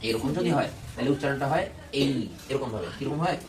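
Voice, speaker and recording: A man's voice: mid-range voice, quick pace. A strict man teaches a roomful of children, drilling each word again and again. He is caught from a distance, his voice echoing around the classroom. Children chatter steadily behind him. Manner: strict, drills pronunciation by repetition. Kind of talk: classroom English lesson. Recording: roomy classroom from far off.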